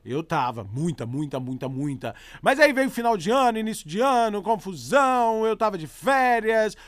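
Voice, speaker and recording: A man's voice: sits high, very animated, normal speed, no room sound. A man with a Brazilian accent hosting a podcast in an effusive, informal way, talking straight to listeners. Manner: exclamatory, effusive, informal, addresses listeners directly. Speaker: podcast host. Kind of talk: animated pet podcast hosting with listener chat and story reading. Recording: music bed under the voice. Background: background music.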